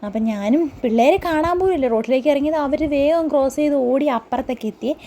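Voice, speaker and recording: A woman's voice: sits high, fast, dark tone. A woman vlogger narrating her day in a rambling, chatty voice-over, full of tag words.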